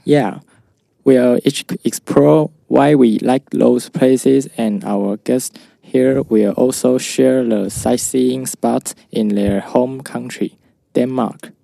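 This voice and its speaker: Brief: teen co-host from Taiwan, slow scripted reading, heavy fry. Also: male voice, medium pitch, dark tone, dry recording. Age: teens. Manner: reads from a script. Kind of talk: scripted school podcast hosting.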